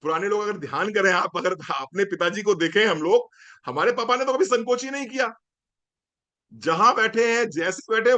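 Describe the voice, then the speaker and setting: A man's voice: sits high, fairly bright tone. A man with an Indian accent, a doctor giving a humorous, conversational health lecture and often asking his listeners questions. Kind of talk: lively health lecture to an audience.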